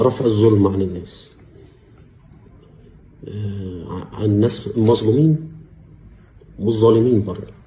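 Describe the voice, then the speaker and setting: An earnest man with an Egyptian Arabic accent speaks in a deep, very dark and mellow voice. He halts often and repeats his words, keeping a grave tone with religious language. Faint noise sits behind him. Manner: earnest and halting, with frequent hesitations and repeated words. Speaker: former security officer making a public statement. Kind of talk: personal video statement.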